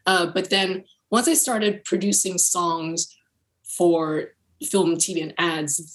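A woman, a music producer, telling her story in a relaxed, casual podcast chat. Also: lowish voice, poor audio.

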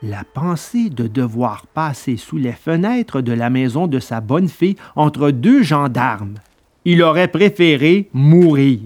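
A man narrating a children's tale aloud in a steady, expressive storytelling voice. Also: a little high, slow. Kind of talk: audiobook reading of a children's tale.

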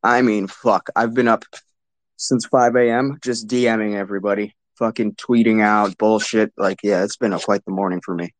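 A man's voice: fairly low pitch, steady tone, moderate pace, no echo. A man hosting a casual, hyped live talk show in frat bro slang, swearing freely. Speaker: crypto show host.

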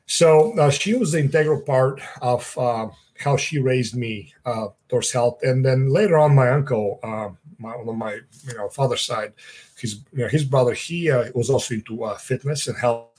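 A man in his thirties from Bulgaria, speaking with a Bulgarian accent as a podcast guest, halting and full of uhs. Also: mid-range voice, a little mellow, husky. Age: 30s. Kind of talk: casual interview talk.

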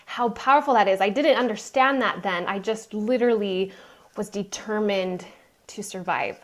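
On a podcast interview, a mind coach guest tells her life story in an earnest, emphatic way. She speaks at a moderate pace in a mid-range voice.

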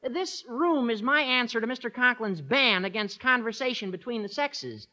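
A man playing an eager, scheming teenage schoolboy in old radio comedy, squeaky and self-important. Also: animated, moderate pace, pushed and bright, full character voice. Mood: proud, conspiratorial.

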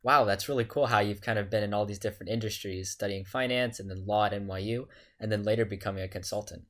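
A man with a fairly low voice hosts an interview podcast. He reads his introductions and questions in a prepared, scripted way. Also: fairly even intonation, fast. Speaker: podcast host.

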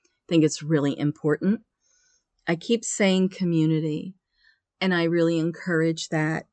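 A woman's voice: low voice, steady tone, measured pace, a little mellow, no echo. A woman hosting a podcast, talking in an earnest, encouraging way. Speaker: podcast host. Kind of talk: motivational podcast talk.

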